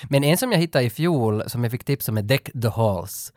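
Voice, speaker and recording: A man's voice: medium pitch, animated, a little mellow, no room sound, clean studio sound. A man co-hosting a casual podcast chat about a film, joking and laughing often as he shares trivia. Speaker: podcast co-host.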